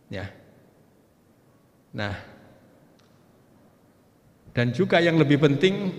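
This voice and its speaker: A man aged 68 giving a religious lecture, slow and measured, punctuating his points with short "ya" and "nah". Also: medium pitch. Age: 60s. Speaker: Islamic scholar. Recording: long reverb of a hall.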